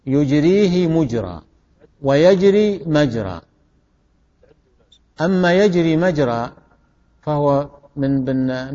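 Male grammar teacher lecturing a class; measured pace, keeps asking the room questions; dull recording with long hall reverb. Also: mid-range voice, mellow. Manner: slow, deliberate explanation with frequent questions to students.

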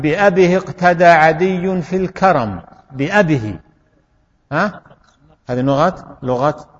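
A man teaching grammar in a classroom lecture, explaining slowly and deliberately and often putting questions to his students. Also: fairly high pitch. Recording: muffled recording in a reverberant hall.

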